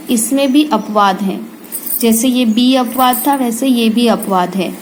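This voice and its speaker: A woman teaches phonics slowly and patiently, breaking each word into letter sounds. Her voice is fairly high but mellow. A faint hiss of noise sits under the recording. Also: low-quality recording. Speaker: home tutor. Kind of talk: slow phonics lesson for parents and kids.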